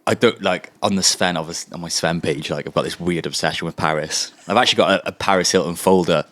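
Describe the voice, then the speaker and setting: A man's voice: sits low, quick pace, fairly bright tone. A man, a guest on an interview podcast, chatting casually and swearing freely as he tells anecdotes. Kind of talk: casual chat.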